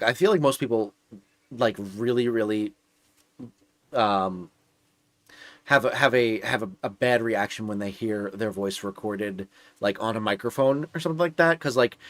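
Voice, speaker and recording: A young man streams live, rambling casually with plenty of filler words and restarts. His voice sits at a medium pitch and is slightly nasal, with no echo.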